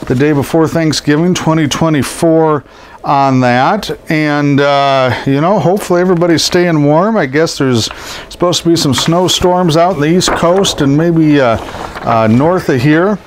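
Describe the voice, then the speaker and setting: A middle-aged collectibles seller, scratchy and congested from a head cold, narrates casually indoors over boxes of posters. His voice is fairly high-pitched and moves at normal speed. The show-and-tell rambles, filled with ums and uhs.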